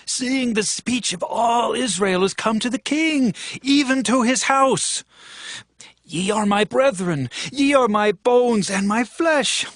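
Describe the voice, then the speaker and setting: A man's voice: very high-pitched, slow, fairly bright tone, dry recording, full character voice. An actor playing a commanding, impassioned king in a dramatized scripture audio drama, with stately, emphatic declamation. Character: King David, commanding, impassioned male monarch.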